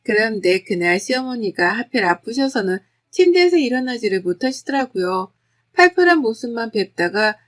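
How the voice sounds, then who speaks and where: A middle-aged woman narrating her own family story in a steady, confessional first-person retelling. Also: medium pitch.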